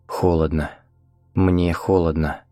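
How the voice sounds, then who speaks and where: A man voicing a hypnotised, frightened man who answers in short, slow, hushed phrases. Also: deep voice, fairly even intonation, no room sound, clean studio sound, pitched below the performer's own voice.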